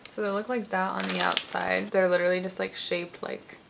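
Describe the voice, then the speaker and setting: A woman's voice: on the low side, level tone, fairly quick, vocal fry, very noisy. A young American woman hosting a casual candy taste-test vlog, chatting with many "like" fillers and easy laughs. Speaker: vlogger.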